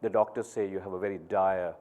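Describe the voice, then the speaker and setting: A middle-aged man giving a keynote speech on stage, telling a personal story in an earnest, deliberate way with pauses between phrases. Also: deep voice, fairly even intonation, phone-quality sound. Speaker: keynote speaker. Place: conference stage before an audience.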